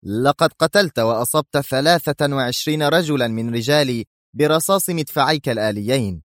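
A man's voice: medium pitch, dry recording, studio quality, voice pushed up, lightly acted. A man reading a story, voicing a stern, gloating mercenary general who gets angry. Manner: firm, angry bursts.

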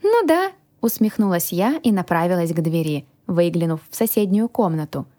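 A woman reading a first-person fantasy audiobook, lively and voicing the dialogue. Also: fairly low pitch, fairly quick. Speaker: audiobook narrator.

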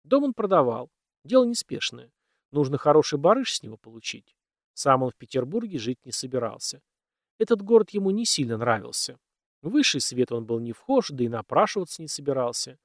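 A man narrating a story in an expressive, folksy storytelling manner. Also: mid-range voice, a little fast, no echo, studio quality.

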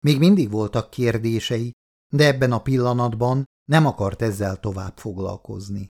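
A man narrating an audiobook in an even, measured storytelling manner. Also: medium pitch. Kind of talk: scripted narration.

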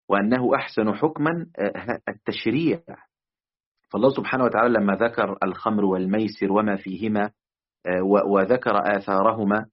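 A man, teaching a study lesson on a classical text with a measured manner and frequent hesitant fillers. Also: lowish voice. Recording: dull lo-fi audio.

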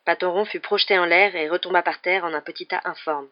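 An audiobook narrator reading a novel aloud in a steady, dramatic way. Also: mid-range voice, fast talker, lo-fi sound.

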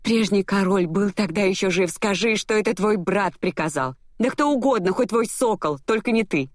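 Reader voicing an enraged young heroine for an audiobook, raised shrill tone, dry close sound. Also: female voice, moderate pace, no room sound, natural voice. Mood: pleading. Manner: shrill and desperate, lashing out. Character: furious, grief-stricken young woman, defiant. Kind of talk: audiobook character voice.

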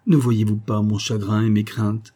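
A man's voice: flat delivery, moderate pace, warm tone, natural voice. A man reading aloud voices an anxious, tearful wife who pleads emotionally in an audiobook. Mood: pleading. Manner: emotional and pleading, raised pitch.

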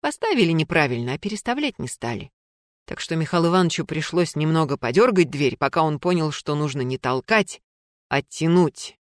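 A woman narrating a story in an even, measured audiobook style. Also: sits low, dry recording, studio quality.

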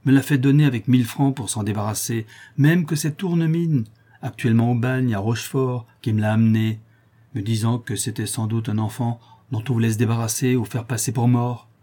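A man's voice: mid-range voice, fairly even intonation, fairly quick, warm tone, lightly acted. A man reading aloud and voicing a greedy, scheming old woman who talks in coarse, wheedling slang.

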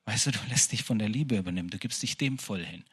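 Husky-voiced man preaching informally. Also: on the low side, fast. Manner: conversational, repeats "weißt du", restarts often. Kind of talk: informal sermon.

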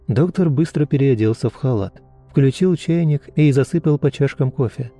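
A man narrating an audiobook in a steady, even storytelling manner. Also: mid-range voice.

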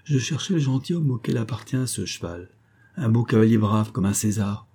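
A man's voice: lowish voice, lively intonation, normal speed, warm tone, husky. A man reading an audiobook, voicing a cunning street boy who talks in a cajoling, wheedling way. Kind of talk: audiobook character voice.

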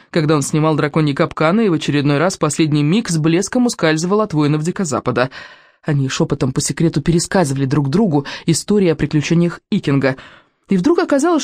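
A woman narrating a children's fantasy audiobook in an expressive storytelling manner. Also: on the low side, dry recording, clean studio sound.

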